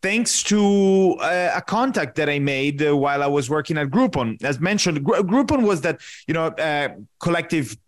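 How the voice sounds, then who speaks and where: A man in his thirties from Italy, a podcast guest answering questions in a relaxed way, often pausing with fillers as he searches for words. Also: a little high. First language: Italian. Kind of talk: casual interview answers.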